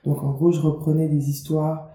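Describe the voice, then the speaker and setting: With a low, mellow voice that barely shifts in pitch, a young woman from Guadeloupe talks at a moderate pace. She is an author and media founder being interviewed as a guest, speaking loosely with frequent fillers and restarts. The recording is roomy with faint background noise.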